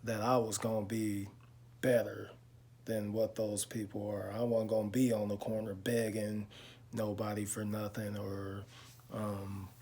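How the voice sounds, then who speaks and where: A man, talking slowly and reflectively to his viewers in a casual vlog, with lots of pauses and fillers. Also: lowish voice, little pitch movement, warm tone, breathy edge. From Chicago. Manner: slow, reflective storytelling with many pauses and fillers. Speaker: car vlogger. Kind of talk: casual talk to camera.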